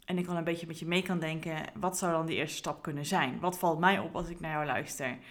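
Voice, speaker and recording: A woman's voice: deep voice, fairly even intonation, fairly quick. A woman, a career coach, talking earnestly in a reflective podcast monologue with frequent fillers and restarts.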